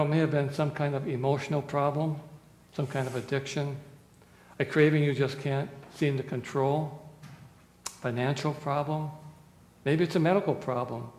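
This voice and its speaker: Older pastor preaching in an echoey church. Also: male voice, medium pitch. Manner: dramatic, swings between loud pleading and hushed quiet lines. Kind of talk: sermon. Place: small church sanctuary. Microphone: far camera. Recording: echoey church hall, roomy reverb.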